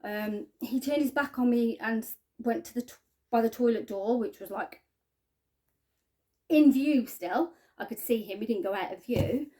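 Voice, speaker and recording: A woman giving a halting, earnest personal testimony to camera, often trailing off quietly. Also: fairly high pitch. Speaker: spiking victim sharing her story.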